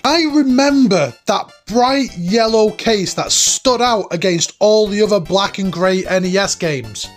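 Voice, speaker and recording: A man around forty hosting a retro gaming video with enthusiastic, nostalgic, informal commentary and emphatic delivery. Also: high-pitched. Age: late 30s to early 40s. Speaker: host of a retro gaming countdown. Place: cabin, indoors.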